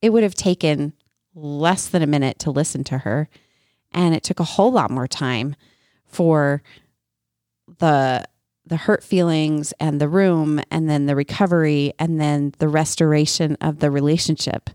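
A woman in her thirties co-hosting a podcast, telling a family story in a casual, animated way. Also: low voice, measured pace, no echo, studio quality. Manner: animated, acts out family members' voices in her retelling. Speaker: podcast co-host.

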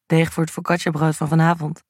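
A man playing a calm, stoic male chef in an erotic audio story, speaking tersely in a low, husky murmur. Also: fast talker, no echo, clean studio sound. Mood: seductive.

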